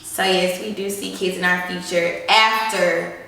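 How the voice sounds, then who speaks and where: A woman's voice: lowish voice, steady tone, unhurried, vocal fry, pushed and bright. A woman, chatting casually and giggling while she answers follower questions beside her partner. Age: 20s. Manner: chatty, giggly, says y'all. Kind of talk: casual chat. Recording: echoey room, mic at a distance.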